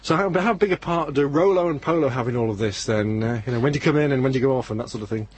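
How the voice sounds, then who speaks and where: A man's voice: medium pitch, racing, slightly rough. A male community radio host interviewing two amateur actors in a chatty, jokey way. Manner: chatty, jokey, laughs often.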